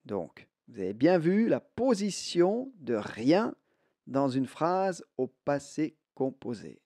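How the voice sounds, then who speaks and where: Guy teaching french drills super slow, voice swings up and down a lot, dry sound. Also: a little high, sing-song, dark tone. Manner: repeats each sentence slowly for learners to echo. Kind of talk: slow language lesson with repetition drills.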